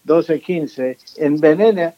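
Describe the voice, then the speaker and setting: A man with a slightly higher voice speaks in an interview, stopping often on fillers and restarting his phrases. The sound is dull and lo-fi. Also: takes it slowly. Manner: hesitant, many fillers and restarts. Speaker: author and pastor guest. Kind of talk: interview conversation.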